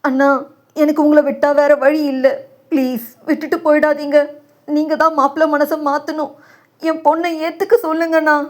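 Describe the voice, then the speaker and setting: A woman's voice: fairly even intonation, normal speed, pauses often. A woman voicing a desperate older father who begs and pleads in tears in an audio novel. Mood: sobbing plea. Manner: pleading, sobbing, high and strained.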